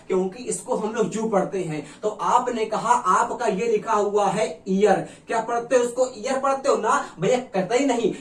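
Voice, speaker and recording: Echoey Hindi-accented man drilling a lesson. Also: high-pitched. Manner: repetitive, drilling, addresses students as bhaiya. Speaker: English teacher. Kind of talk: exam-prep lesson. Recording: echoey room, voice from a distance.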